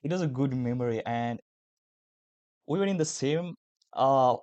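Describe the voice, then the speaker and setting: A man's voice: medium pitch, a little slow, darkish tone, no echo, lo-fi sound. Friendly male podcast host. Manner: friendly, complimentary, informal. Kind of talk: casual interview conversation.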